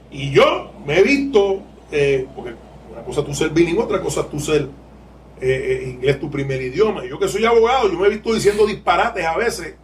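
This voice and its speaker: A Puerto Rican man speaks as a lawyer guest in a podcast interview, his voice set a touch high. He talks candidly and wanders off on tangents, laughing as he makes his points. The mic sits somewhat far from him, with a faint hiss underneath. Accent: Puerto Rican Spanish. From Puerto Rico. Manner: candid, digressive, laughs while explaining. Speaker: lawyer and legal aid board president, guest.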